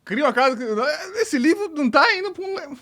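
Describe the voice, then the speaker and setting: A man's voice: very high-pitched, expressive, a little fast, bright, forceful tone. A young Brazilian man streaming, tossing joking, profane remarks over a video he is watching. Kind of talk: casual live-stream commentary.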